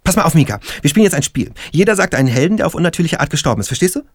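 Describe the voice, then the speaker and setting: A man reading an audiobook, voicing a crude, excitable young stoner who works as a stonemason and speaks in a blustery way. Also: high voice, fast, no room sound, studio quality, voice pushed up. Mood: excited. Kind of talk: audiobook character voice.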